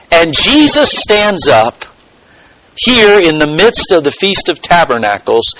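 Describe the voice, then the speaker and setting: A man preaching a sermon, teaching earnestly and dropping to a soft voice for quoted words. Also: a little high, rough recording. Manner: slow, earnest teaching with dramatic soft quotations.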